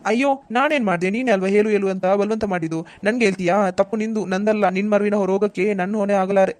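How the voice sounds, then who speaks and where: Someone playing a rapid-fire grumbling old father-in-law. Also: mid-range voice, no echo, lightly acted. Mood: defensive. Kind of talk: cartoon voice acting.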